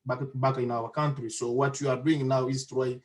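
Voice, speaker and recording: Man, panel speaker, earnest, halting, stops and restarts often, middle pitch. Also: flat delivery, low-quality recording. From Democratic Republic of Congo. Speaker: panelist, refugee advocate. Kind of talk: panel discussion answer.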